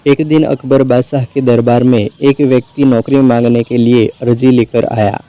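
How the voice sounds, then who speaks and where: A man reading folk tales aloud as a storyteller, in an even, measured narration. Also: mid-range voice. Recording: dry, slightly dull recording.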